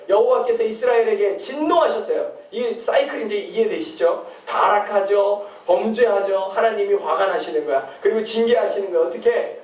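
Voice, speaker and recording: Male pastor, high voice, preaching with questions to the congregation; roomy hall, distant mic. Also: lo-fi sound. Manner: asks the congregation questions and answers them. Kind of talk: sermon. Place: church hall. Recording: echoey hall, mic from far off.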